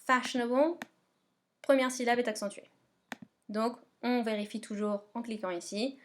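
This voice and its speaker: High-voiced teacher giving patient instructions. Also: female voice, fairly even intonation, normal speed, slight background noise. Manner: patient, step-by-step, checks understanding. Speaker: English teacher. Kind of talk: remote lesson instructions.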